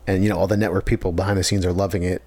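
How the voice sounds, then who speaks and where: A man's voice: low-pitched, little pitch movement, racing, a little mellow, dry recording. A man co-hosting a casual podcast, recapping episodes at length with frequent fillers. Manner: long plot recaps with fillers. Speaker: podcast co-host recapping a show. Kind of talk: casual chat.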